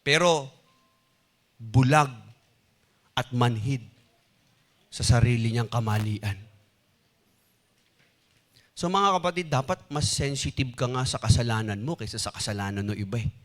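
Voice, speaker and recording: A man's voice: mid-range voice, a little slow, long pauses. A male pastor preaching a sermon in a conversational storytelling way, asking the congregation rhetorical questions. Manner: animated, mixing in English phrases.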